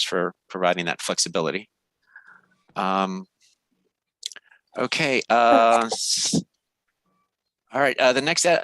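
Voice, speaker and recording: Bright-voiced man chairing, halting delivery. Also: on the low side, no room sound, rough recording. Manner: halting, hesitant phrasing. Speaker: meeting chair. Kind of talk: informal business meeting talk. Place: online video meeting.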